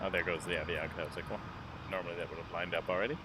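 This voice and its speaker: A man's voice: low-pitched, little pitch movement, racing. A man hosting a live plane-spotting stream with casual running commentary. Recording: heavy outdoor or airfield background noise.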